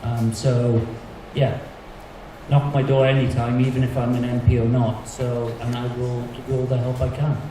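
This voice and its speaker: A man's voice: mid-range voice, level tone, moderate pace. A man from the South Wales Valleys with a Valleys accent, talking informally as a candidate at a hustings. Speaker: election candidate. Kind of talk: informal answering at a public hustings. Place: indoor public meeting hall. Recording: very echoey, distant, noisy hall.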